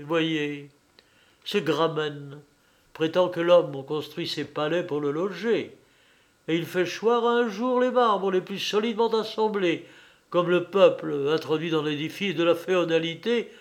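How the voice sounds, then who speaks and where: A man reading the part of a shrewd, devoted young hunchback who speaks fervently and slyly. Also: a little high.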